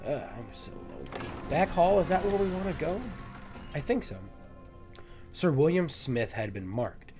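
A young gaming video host with a stuffed-up, nasal voice from a cold plays a game at home in a small room, doing let's play commentary on a headset mic. He chats, jokes to himself, mocks himself, and talks to objects, his slightly high, sing-song, somewhat mellow voice at a moderate pace with faint music behind.

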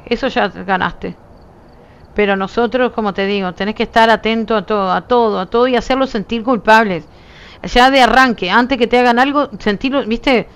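Hoarse Uruguayan woman chatting emphatically. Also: mid-range voice. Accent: Uruguayan Spanish. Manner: emphatic, talks with her hands in her voice, frequent "¿viste?". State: nearly lost voice. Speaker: streamer. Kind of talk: casual chat with viewers.

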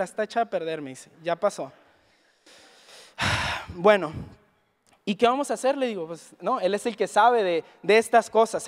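High-voiced Mexican preacher in a hall. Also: male voice. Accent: Mexican Spanish. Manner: animated storyteller, acts out quoted dialogue. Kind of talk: sermon with storytelling. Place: church hall. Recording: reverberant hall.

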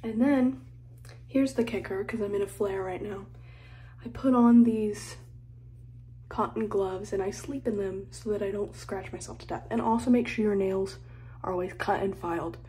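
A young woman vlogger speaks casually to camera. Her pitch is average and her manner blunt, sweary and self-deprecating. The home phone recording is faintly noisy. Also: moderate pace, dark tone. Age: young adult. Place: small bathroom at home. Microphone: phone camera close to the face.

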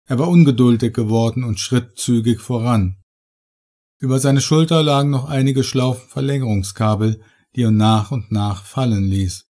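Man, horror audiobook narrator, measured dramatic reading, mid-pitched voice. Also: fairly even intonation, warm tone. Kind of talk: scripted first-person horror audiobook narration.

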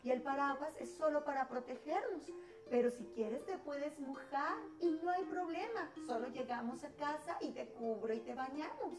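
A woman's voice: high voice, normal speed, lightly acted. A woman with a Mexican accent voicing a patient mother who soothes her scared son. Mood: soothing. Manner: soothing and reassuring. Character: gentle, patient young mother. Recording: echoey room with ukulele music.

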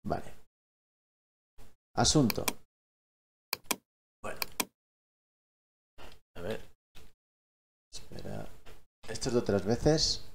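Man, low gravelly voice, chatty gaming tutorial host. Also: huge pitch swings, extremely slow, long pauses, slight background noise. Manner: chatty, keeps checking in with listeners. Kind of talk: casual screen-recorded tutorial.

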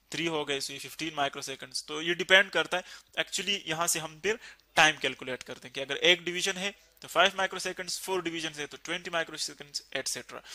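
A man teaching a physics lesson, explaining slowly and repeating key terms. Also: fairly high pitch, bright, forceful tone.

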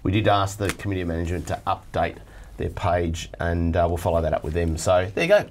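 A middle-aged Australian man hosts a studio chat show from a desk on a TV set, reading viewer letters aloud. His voice is low-pitched and animated, his pace quick, and his manner chatty and joking.

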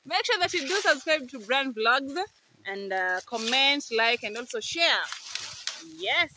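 Cheerful young woman, a bit high. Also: lively intonation, unhurried, pushed and bright. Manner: cheerful, explaining step by step. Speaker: guest. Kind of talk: casual vlog chat. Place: outdoors on a rural maize farm. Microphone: vlogger's phone camera. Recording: outdoor farm noise behind.

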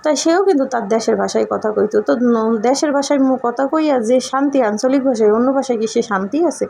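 A woman with a Barishal Bengali accent talks straight to her viewers in a loose, rambling vlog style, her voice sitting a little high. She teases along as she goes, poking fun at the cameraman. The sound comes from a camera her husband holds. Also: fast, gravelly, a little mellow. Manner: rambling and teasing, jokes at the cameraman. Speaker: vlogger. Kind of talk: casual chatty vlog talk to viewers. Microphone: camera held by her husband.

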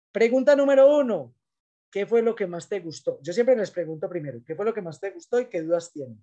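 A man's voice: high voice, a little mellow. Emphatic man coaching salespeople. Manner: emphatic, coaching, addresses the audience directly. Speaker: sales trainer. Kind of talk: business training talk.

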